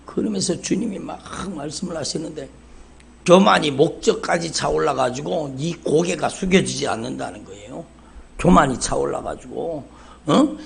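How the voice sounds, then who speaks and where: Gravelly Korean pastor preaching fervently. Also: male voice, fairly high pitch. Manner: fervent preaching, repeats "여러분" and "정말로". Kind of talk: sermon. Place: church sanctuary. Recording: live church service stream.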